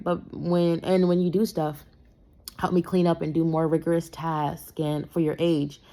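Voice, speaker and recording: Young mom rambling through a storytime, lowish voice, lots of fry, super chatty. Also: female voice. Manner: rambling, conversational, frequent fillers. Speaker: parenting vlogger. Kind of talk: casual storytime monologue.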